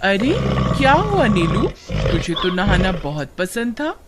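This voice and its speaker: A woman's voice: mid-range voice, big pitch swings, measured pace, over loud music. Woman doing a doting young village wife. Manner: coos and wails, baby-talk to her pet. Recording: loud background noise.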